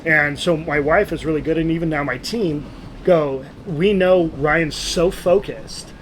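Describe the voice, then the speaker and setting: Casting: male interview host, slightly raised pitch, relaxed talk over clear background noise. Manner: affirming listener, quick agreeing interjections. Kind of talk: casual conversation.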